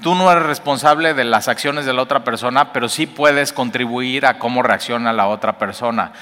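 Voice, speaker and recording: A man gives a casual devotional Bible lesson in a bright, forceful voice. He talks conversationally, with filler sounds, and acts out little everyday scenes. His voice rings out with a long reverb, as if in a hall. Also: medium pitch, normal speed. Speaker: Bible teacher. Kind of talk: informal devotional Bible teaching.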